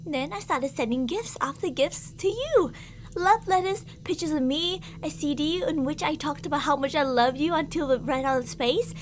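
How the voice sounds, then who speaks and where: Over slight background noise, a woman in a high voice acts an obsessive, delusional stalker for ASMR, sounding hurt in her obsession. The performance is theatrical and sweetly menacing, full of jealous, volatile endearments and reproaches.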